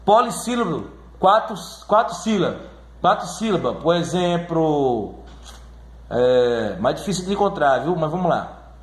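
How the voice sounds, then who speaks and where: A man teaching a grammar lesson, repeating words slowly and checking in often with his listeners. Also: a little high, expressive. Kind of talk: classroom lesson on syllables. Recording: echoey room.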